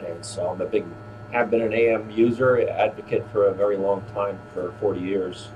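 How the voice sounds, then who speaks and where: An older man with a fairly low voice hosts a casual ham radio exchange. He is courteous and appreciative, speaking in procedure words. A clear humming noise sits behind him. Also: normal speed, dull audio. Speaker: radio operator hosting an on-air rally. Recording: clearly noisy, steady hum.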